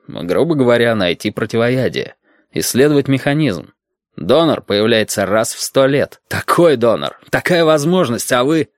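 A man voicing a composed male doctor who speaks coldly and in measured tones in an audiobook. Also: medium pitch, no room sound, clean studio sound, lightly acted. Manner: cold, calm, measured. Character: cool, composed dark-haired male doctor. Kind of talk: audiobook character voice.

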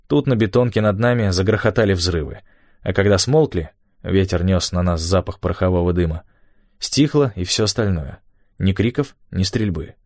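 A man narrating an audiobook in a steady, measured first-person storytelling manner. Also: low-pitched, dry recording, clean studio sound.

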